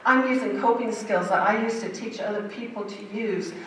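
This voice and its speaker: A woman's voice: mid-range voice, normal speed, fairly bright tone, distant mic, a little hiss or hum. An older woman giving a personal testimony in a church, telling her story in a vivid, emphatic way. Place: church sanctuary. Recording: very echoey hall, heard from afar.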